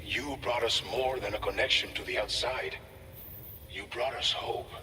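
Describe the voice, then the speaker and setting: An actor playing an earnest, grateful outpost staffer in a video game, speaking in a measured, formal way from a distance with reverb. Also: male voice, medium pitch, steady tone, close to an everyday voice. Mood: earnest, concerned. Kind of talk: scripted video game dialogue. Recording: distant, long reverb, faint noise.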